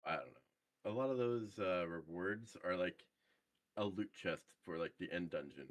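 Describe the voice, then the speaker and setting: A young man chatting casually over group voice chat while gaming, hesitant and halting with lots of fillers. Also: low-pitched, lively intonation, no room sound, dull audio. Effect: heard over group voice chat.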